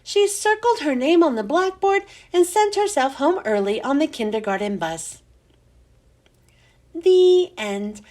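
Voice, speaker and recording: A woman reading a children's chapter book aloud with expressive, animated storytelling. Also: sits high, unhurried.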